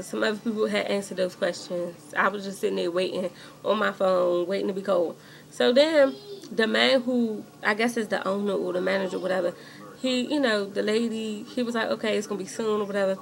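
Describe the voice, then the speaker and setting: A woman's voice: medium pitch, a little fast, creaky. A young woman vlogger in casual storytime chat, rambling and filling her talk with "like" as she speaks straight to viewers. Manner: animated when indignant. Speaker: beauty vlogger. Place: at home doing makeup.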